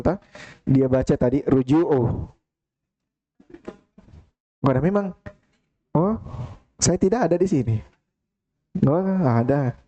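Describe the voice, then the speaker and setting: Slow, mellow teacher. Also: male voice, mid-range voice, dull audio. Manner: calls on students by name, quizzing and teasing. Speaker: teacher of Arabic grammar. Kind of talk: classroom Q&A on Arabic grammar. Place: mosque study hall.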